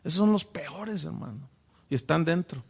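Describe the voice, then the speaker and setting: A man's voice: fairly high pitch, expressive, moderate pace, vocal fry, slightly rough. A man, a preacher giving sermon-style Bible teaching and asking the audience many rhetorical questions.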